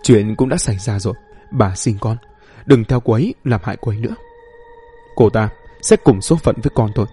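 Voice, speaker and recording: A man voicing a tearful old grandmother in her seventies or older, pleading and gentle. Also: fairly low pitch, lively intonation, fairly quick, pauses often, faint music behind, lightly acted.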